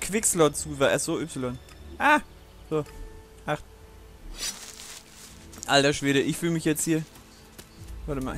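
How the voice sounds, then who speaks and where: Chatty, higher-voiced man playing a game. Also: a bit bright. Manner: chatty, digressive, swearing, laughing often. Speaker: let's play host. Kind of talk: casual gaming commentary.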